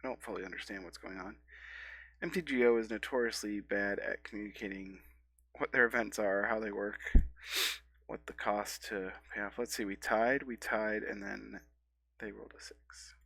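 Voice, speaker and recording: A man in his thirties, a gameplay streamer, rambles through his own card game, thinking aloud with fillers and correcting himself as he goes. His lowish, husky voice is scratchy and stuffy from a cold, with vocal fry, a fairly bright tone, fairly even intonation, and a moderate pace. There's no room sound on the recording.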